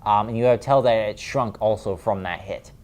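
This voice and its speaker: A man's voice: lowish voice, normal speed, darkish tone. Rambling male game master. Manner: rambling descriptions with many fillers. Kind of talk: narrating a tabletop game.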